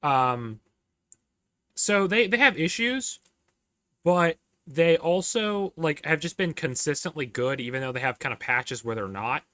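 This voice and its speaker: A man's voice: on the high side, animated, measured pace, pushed and bright, no echo. Dry-sounding casual male podcast host. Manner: runs through picks with many fillers and restarts. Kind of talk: casual sports chat.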